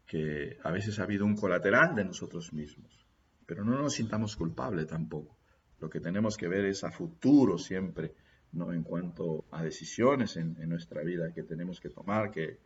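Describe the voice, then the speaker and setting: A man's voice: low-pitched, lo-fi sound, a little hiss or hum. A man preaching a Sunday sermon in a church, earnest and often ending his points with a questioning "¿no?".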